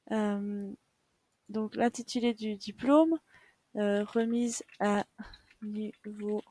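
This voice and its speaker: A young French-speaking woman teaches a screen-share tutorial lesson, walking through each step patiently and using many fillers. Her voice is mid-range with a darkish tone, and there's no echo.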